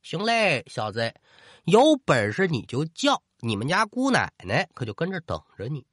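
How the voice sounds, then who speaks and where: A man voicing a fierce old village woman who scolds and commands unruly ghosts, blunt and sharp-tongued. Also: a little high, wildly swooping pitch, moderate pace, no echo, studio quality, heavily acted. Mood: commanding.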